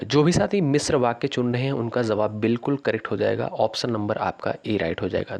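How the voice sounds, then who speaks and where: A man teaching an exam-prep lesson. He reads each quiz question slowly, often says it twice, calls his viewers friends and repeats the correct option. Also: on the low side, vocal fry, a little mellow. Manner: repeats questions slowly, stretches words, keeps saying "friends".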